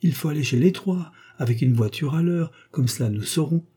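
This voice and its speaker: A man's voice: a little high, expressive, a little fast, dark tone, breathy edge, voice pushed up. A man voicing a flustered, greedy bourgeois husband who stammers and then blusters in annoyance. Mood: irritated.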